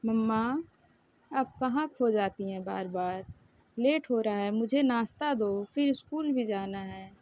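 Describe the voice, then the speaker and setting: Pouty innocent schoolgirl, woman reading her part, mellow soft voice. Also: on the high side, unhurried, dull audio, lightly acted. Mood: impatient. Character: young schoolgirl, playful and sensitive daughter.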